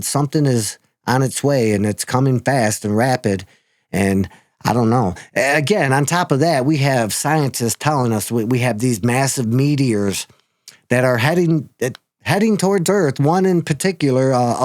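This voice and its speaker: A man's voice: medium pitch, a little mellow, no room sound, studio quality. A man hosting his own video channel, talking in a casual monologue that halts often, repeats words and swears casually. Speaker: video host.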